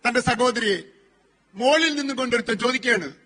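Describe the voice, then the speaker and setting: High-voiced man giving a motivational talk. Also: quick pace, pushed and bright. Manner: storytelling with rhetorical questions and repetition. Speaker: motivational speaker. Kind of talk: motivational speech.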